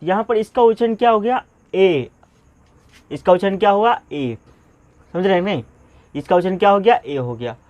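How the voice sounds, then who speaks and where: A man teaching pronunciation, asking questions and answering them himself, spelling words out slowly letter by letter. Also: high-pitched, lively intonation, darkish tone, no echo, lo-fi sound. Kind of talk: Hindi classroom-style lesson.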